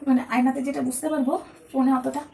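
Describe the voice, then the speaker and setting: A woman vlogging from her home kitchen at night, talking quietly into her phone and chatting with her viewers as friends. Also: sits high, flat delivery, very fast, vocal fry. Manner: talking quietly so as not to disturb. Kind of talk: casual chat to viewers.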